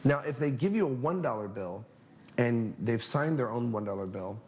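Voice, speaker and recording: A man's voice: mid-range voice, expressive, moderate pace, a little mellow, slight background noise. A man casually teaching a magic trick while demonstrating it on a spectator, chatty and upbeat, acting out his patter as he goes.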